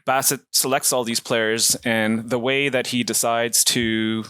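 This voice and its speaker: Bright-voiced man telling a film story. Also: medium pitch, unhurried, smooth, no room sound. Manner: relaxed storytelling, laughs at own points. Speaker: podcast co-host. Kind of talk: casual film review chat.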